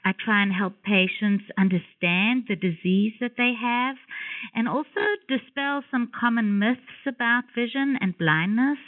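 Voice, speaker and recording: A woman with a South African accent explains her clinical work in a careful, measured way, with a few fillers. Her voice comes through a tinny phone line and sounds close and dry, with no room around it. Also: a little high, dry recording. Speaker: guest occupational therapist.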